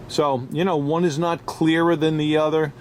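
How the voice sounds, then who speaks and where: Chatty New York man, fairly high voice. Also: flat delivery, normal speed, a little hiss or hum. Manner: chatty, chuckling, loose and unscripted. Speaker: diamond dealer. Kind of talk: casual product review vlog.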